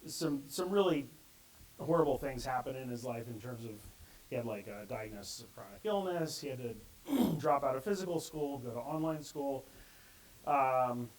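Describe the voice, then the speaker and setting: A man's voice: mid-range voice, lively intonation, normal speed, low-quality recording. A middle-aged man giving a conversational conference talk and acting out the quotes he reads. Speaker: conference speaker.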